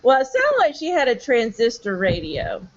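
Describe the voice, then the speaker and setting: A playful woman with a fairly high voice chats with a co-host, now and then breaking into teasing, overblown narration. The sound is dull and lo-fi, like a home live stream. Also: wildly swooping pitch, moderate pace. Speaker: podcast co-host. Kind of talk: casual chat about a TV episode.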